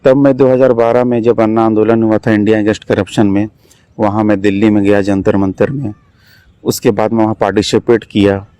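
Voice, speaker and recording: A young election candidate and political activist from Jharkhand, India, speaks with a Jharkhand Hindi accent, answering interview questions in an earnest, exhorting manner. His voice is fairly low, warm, clear, and resonant, with a flat delivery at a moderate pace and no echo.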